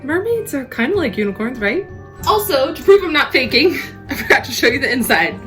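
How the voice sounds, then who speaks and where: A woman's voice: high voice, very animated, fairly quick, fairly bright tone, faint music behind. A woman hosting a comedic baking vlog with a playful, theatrical, sing-song exaggerated way of talking. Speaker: host of a baking show.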